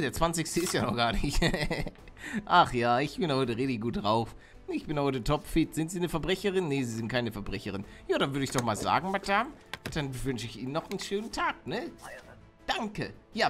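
Lively man joking through a game. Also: a little high. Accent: German. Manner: jokey, reads game text aloud, animated. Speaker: gaming YouTuber. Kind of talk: let's play commentary.

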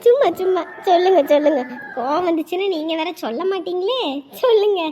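A woman's voice: very high voice, lively intonation, fast, dark tone, slight background noise. An actress playing a young wife who playfully coaxes her husband to keep talking. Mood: coaxing. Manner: playful, coaxing.

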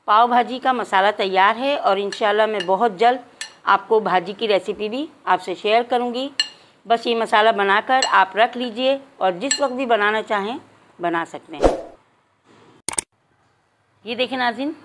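This medium-pitched woman runs a cooking channel from her own kitchen. Speaking formally to her viewers, she goes through the recipe step by step and reads off each measure aloud.

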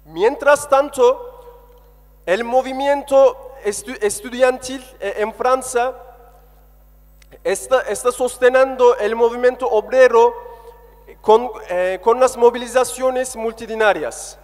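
High-pitched man orating in an echoey hall. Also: steady tone, takes it slowly. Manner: declamatory, impassioned oratory in short emphatic phrases. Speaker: political activist giving a speech at a rally. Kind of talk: political rally speech. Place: indoor hall at a public meeting, speaking from a lectern. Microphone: stand microphone at lectern through PA. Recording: echoey hall, long reverb.

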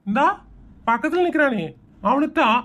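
A tipsy cartoon husband, put on by a woman drawls slowly and proudly. His speech is slurred and full of cocky drunk swagger. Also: high-pitched, lively intonation, a bit bright. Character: drunk boastful village husband, middle-aged man.

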